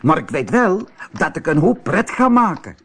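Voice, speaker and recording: A man's voice: a little high, big pitch swings, moderate pace, fairly bright tone, husky, voice pushed up, full character voice. A man voicing a cheeky, mischievous young boy in a storybook, brash and teasing. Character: cheeky mischievous village boy, cocky and playful.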